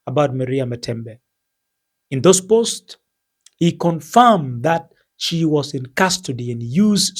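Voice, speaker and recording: A man with a husky voice delivering scripted explanatory news commentary in a measured, formal, deliberate manner. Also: on the high side, a little mellow.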